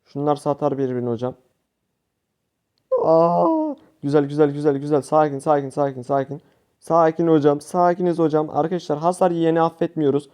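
A young man commenting live on his own gameplay for his channel, animated, talking to viewers and shouting at teammates. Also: a little high, quick pace, clear, resonant tone. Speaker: gaming youtuber.

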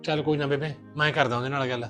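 An actor playing an easygoing young husband and dutiful son in a short film drama, talking in a mild, agreeable way. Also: male voice, mid-range voice, steady tone, fast, fairly bright tone, soft background music, close to an everyday voice.

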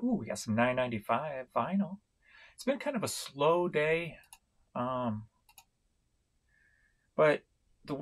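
A middle-aged man from St. Louis, Missouri, giving a casual vlog update on his online reselling, talking in a slow, rambling way with many fillers and restarts. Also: medium pitch, vocal fry. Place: home room, indoors.

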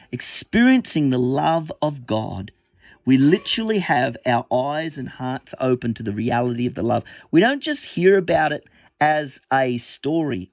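A male preacher delivering a sermon in an animated storytelling manner. His voice sits at a middle pitch and climbs sharply whenever he acts out what someone said. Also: no room sound. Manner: animated storytelling, voice rising high when quoting.

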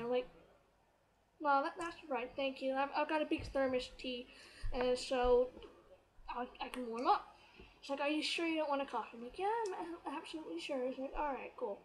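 Excitable woman, high-pitched, casual vlog storyteller. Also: fairly quick, poor audio. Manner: excitable, chatty, quotes others as she retells. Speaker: vlogger.

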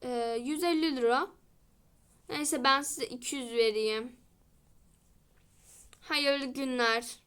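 A woman voicing a calm hairdresser mother in a toy role-play, talking in a matter-of-fact way. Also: high voice, slow, pauses often, clear, resonant tone.

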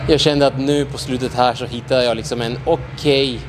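A sore, exhausted young man chats haltingly in a big indoor gym, his words full of fillers. Music plays clearly behind him. He speaks at a middling pitch into a handheld mic. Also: steady tone, low-quality recording. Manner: tired, halting, many fillers. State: sore and worn out. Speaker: vlogger. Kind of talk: casual vlog chat. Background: music playing.

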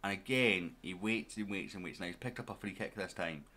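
A man's voice: sits low, fairly quick, pushed and bright, a little hiss or hum. A man giving casual let's-play commentary as a gaming YouTuber, chatting straight to his viewers and to his players.

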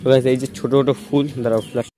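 A man's voice: little pitch movement, very fast. A young man giving casual, chatty vlog commentary while walking around a temple garden outdoors, filmed on a handheld phone. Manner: chatty, repeats filler phrases, lowers voice to near-hushed at times. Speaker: vlogger.

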